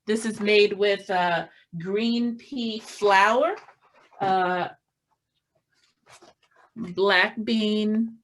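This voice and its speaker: A woman giving an informal health talk, slowly listing foods one by one with frequent fillers and showing items from her pantry. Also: mid-range voice, fairly bright tone. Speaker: health presenter.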